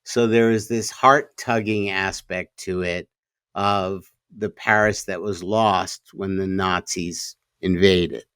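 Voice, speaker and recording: Man, standard American accent, smooth clear voice, brisk pace, earnest film discussion, dry close sound. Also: low voice, steady tone, a bit bright, no echo. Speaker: film commentator.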